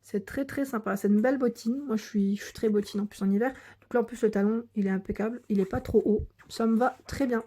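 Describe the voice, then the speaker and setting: Chatty woman with a mellow voice. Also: a little high, fairly even intonation, fast. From France. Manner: chatty, hesitant, many fillers and restarts. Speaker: shopping haul vlogger. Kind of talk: casual shopping haul chat.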